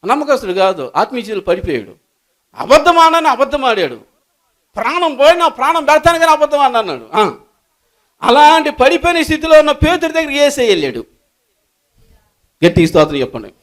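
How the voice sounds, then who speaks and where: A man preaching a sermon as pastor, calling out to the congregation to give praise and building to shouted refrains. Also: very high voice, very animated, a little fast, pauses often.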